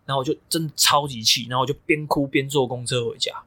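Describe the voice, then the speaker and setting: A man's voice: medium pitch, steady tone, fast, pushed and bright. A young man, a coach co-hosting a podcast, telling stories emphatically and swearing freely. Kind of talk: casual podcast chat.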